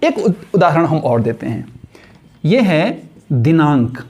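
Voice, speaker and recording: A man gives a pronunciation lesson at an unhurried pace. He breaks words into separate syllables and repeats each sound again and again. His voice sits high and swings widely in pitch. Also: very animated, darkish tone. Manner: slow, drawn-out syllables, repeats sounds many times; acts out little scenes in changed voices. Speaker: teacher.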